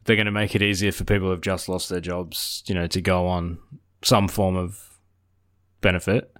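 Low-pitched Australian man bantering. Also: level tone, normal speed, a bit bright. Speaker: podcast co-host. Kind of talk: casual banter.

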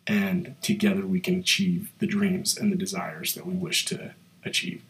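A man's voice: deep voice, very animated, normal speed, a little hiss or hum, poor audio. A man hosting a podcast alone while he has a cold, so his voice sounds nasal, speaking in a motivational way with many fillers. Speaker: podcast host. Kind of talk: solo podcast monologue.

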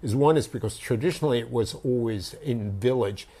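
A man with a gravelly, husky voice explains in a halting, reflective way. His tone is dark and relaxed, and he circles back over his own words. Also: mid-range voice. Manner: thoughtful, halting, with many restarts and fillers. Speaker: author and guest. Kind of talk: conversational explanation.

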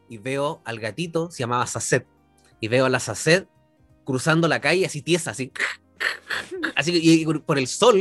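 A man's voice: on the high side, a bit bright, no room sound. Slangy Chilean man telling a story. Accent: Chilean Spanish. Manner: rambling storyteller, slangy, repeats himself. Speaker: podcast guest. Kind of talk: casual podcast chat.

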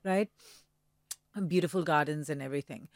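A woman's voice: low voice, normal speed, no room sound. Female historian guest, educated urban Indian accent, conversational explainer who repeats words for emphasis; dry studio-like sound.

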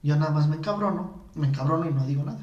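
A Mexican man talks candidly in a loose, slangy way, laughing often. His voice sits a bit high for a man. It sounds roomy and a little away from the mic. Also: racing, a little mellow, recorded from a distance, muffled recording. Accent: Mexican Spanish. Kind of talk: casual chat. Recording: echoey room, a bit off-mic.

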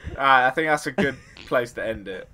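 Bright-voiced young lad. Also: male voice, medium pitch, expressive, a little fast. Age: young adult. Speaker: podcast co-host. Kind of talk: casual chat.

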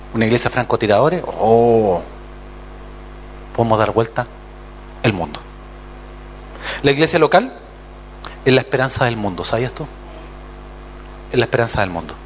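A man's voice: medium pitch, unhurried, long pauses, slight background noise. A man with a Chilean accent preaching a sermon as pastor, acting out other voices and calling for amens. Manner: animated, acts out voices and calls for amens.

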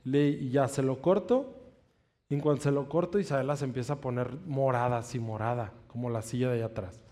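A man's voice: medium pitch, brisk, warm tone. A man preaching a sermon, telling a personal testimony in an earnest way and stretching out emphatic declarations.

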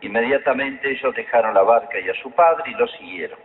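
Hombre, sacerdote en misa, lectura del Evangelio, eco de catedral, siseo de fondo leve. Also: male voice, mid-range voice. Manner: measured, solemn liturgical reading. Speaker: priest. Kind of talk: reading the Gospel at Mass. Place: large church. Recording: thin phone-like sound, cathedral reverb, faint hiss.

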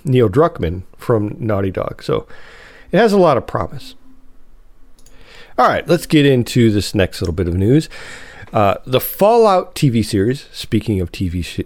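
A man's voice: medium pitch, big pitch swings, normal speed, darkish tone, no echo. A man hosting a solo podcast with a cold, sounding nasal, talking in a rambling, chatty way and often correcting himself. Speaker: podcast host. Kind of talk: casual solo podcast talk.

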